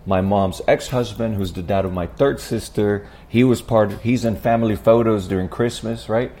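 Deep-voiced preacher. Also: male voice, moderate pace, warm tone. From Puerto Rico. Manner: earnest, with tag questions like "right?". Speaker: preacher, podcast guest. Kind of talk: reflective personal storytelling in an interview.

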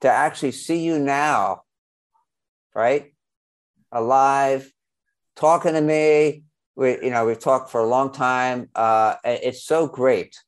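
A man's voice: mid-range voice, slow, long pauses. A man hosting an interview podcast, asking questions hesitantly with many fillers. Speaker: podcast host. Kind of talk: interview conversation.

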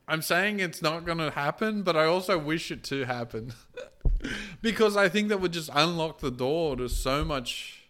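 A man's voice: fairly high pitch, lively intonation, a little slow, a bit bright. A man hosting a podcast, thinking aloud in a loose, exploratory casual monologue.

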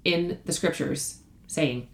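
Low-voiced sassy woman in an echoey room. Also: takes it slowly. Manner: sassy, emphatic, sarcastic. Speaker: podcast co-host.

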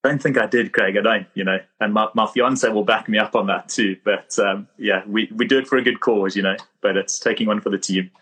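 South African man with a husky voice. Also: lowish voice, steady tone, a little fast, hardly any pauses, fairly bright tone. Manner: modest, self-deprecating, repeats words. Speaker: chiropractor guest. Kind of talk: casual podcast chat.

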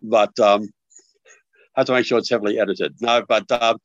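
A man's voice: lowish voice, fairly even intonation, normal speed, dry recording. Australian man, older, on a dull lo-fi call. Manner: rambling, warm storytelling with many restarts. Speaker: podcast guest. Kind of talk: casual remote interview.

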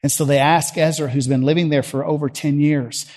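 Here the Southern US preacher, middle-aged, sounds on the high side and keeps a steady tone while speaking fairly quickly. He addresses the congregation from the platform in a conversational way, asking them questions and moving between loud and quiet.

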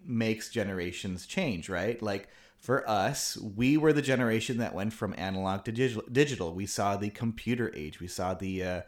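A man's voice: lowish voice, normal speed, hardly any pauses. A man in his thirties co-hosting a podcast, chatting casually in long meandering sentences that wander as he goes. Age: 30s. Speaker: podcast co-host. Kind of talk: casual chat.

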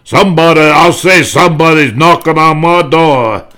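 A man's voice: on the high side, moderate pace, bright, forceful tone, pitched above the performer's own voice. A man voicing a pompous, blustering senator from old radio comedy, with a Southern US accent.

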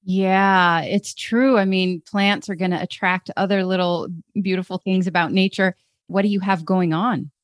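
A woman's voice: fairly low pitch, fairly even intonation, dry recording. Upbeat woman interviewer, dry sound. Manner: encouraging, upbeat, quick to praise. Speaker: interviewer host. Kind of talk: friendly interview chat.

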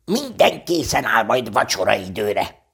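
A man's voice: on the low side, very animated, creaky, fairly bright tone, husky, heavily acted. A man reading a storybook, voicing a fussy, secretive male rabbit who answers firmly. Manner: firm, brisk.

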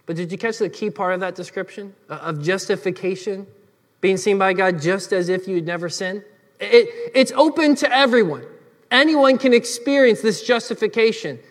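A man preaching a sermon as pastor, earnest, often dropping to soft emphatic phrases. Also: high-pitched, long reverb tail.

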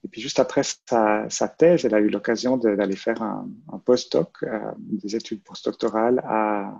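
Invité, homme de quarantaine, accent vaudois, cherche ses mots, timbre grave. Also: male voice, fairly low pitch, fairly even intonation, normal speed, vocal fry, darkish tone, breathy edge. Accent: Swiss French, Vaud. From Switzerland. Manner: hesitant, many fillers and restarts. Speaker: guest, librarian and photographer. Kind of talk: casual interview answers. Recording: muffled, lo-fi.

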